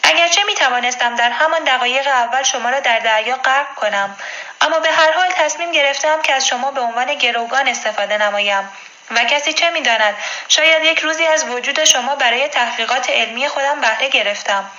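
A woman voicing a proud, stern male submarine commander who speaks firmly and with measured words, in a storybook reading. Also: high-pitched, bright, forceful tone, highs cut off.

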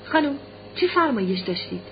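An elderly manservant addressing the lady with careful courtesy, in a fairly high voice, as a woman reader puts him on; the recording is dull with a faint hiss. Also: very animated. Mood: polite. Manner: formal and polite. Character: old male house servant, courteous. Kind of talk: audiobook reading.

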